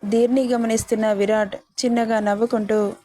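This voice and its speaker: A woman's voice: a little high, flat delivery, moderate pace, warm tone, slight background noise. A woman narrating a scripted story and reading all the characters' lines in her own voice. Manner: reads every character herself without changing voice.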